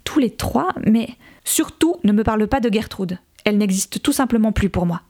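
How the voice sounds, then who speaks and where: A coarse middle-aged father full of contempt, voiced by a woman narrating a novel. He speaks bluntly and with false warmth, in a mellow and rather dark voice. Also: mid-range voice, expressive, normal speed. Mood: cold.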